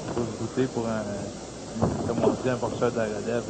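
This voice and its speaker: A man's voice: medium pitch, flat delivery, a little fast. Male boxing analyst on noisy broadcast. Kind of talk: conversational sports commentary.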